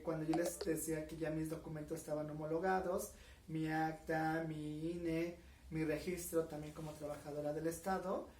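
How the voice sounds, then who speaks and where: This recorded interview features an earnest woman in her forties from Mexico, whose low, warm voice carries a Mexican Spanish accent. She's measured and uses lots of fillers, captured by a distant mic in an echoey space with slight background noise.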